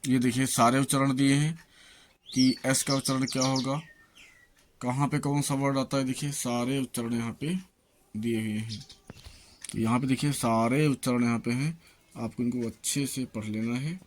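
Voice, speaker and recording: Reading out a pronunciation lesson, a male English teacher goes through word lists one item at a time at a slow, measured pace in a mid-range voice. He pauses between lists to urge viewers to keep practising, and slight background noise is present.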